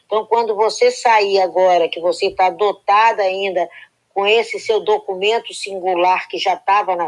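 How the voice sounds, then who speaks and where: A woman's voice: medium pitch, low-quality recording. A woman giving a reflective spiritual talk on a live stream, speaking in long flowing sentences and often adding "né" to check in with her listeners. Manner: flowing, reflective, full of "né" tags.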